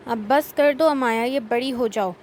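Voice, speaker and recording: A woman's voice: sits high, a little mellow, a little hiss or hum, natural voice. A woman voicing a stern, irritable young husband who scolds in a storybook reading. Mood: scolding. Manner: scolding, impatient.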